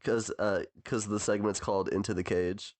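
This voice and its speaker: A man's voice: lowish voice, steady tone, moderate pace, darkish tone, dry recording. A sick man co-hosting a podcast, joking around and stumbling while reading his script. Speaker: podcast co-host. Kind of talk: casual chat.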